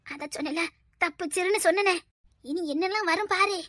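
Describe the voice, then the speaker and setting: A woman's voice: extremely high pitch, fairly quick, fairly bright tone, no echo, clean studio sound. A woman playing a scheming mother-in-law who scolds her son, in a Tirunelveli Tamil accent. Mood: scolding. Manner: sly, scolding.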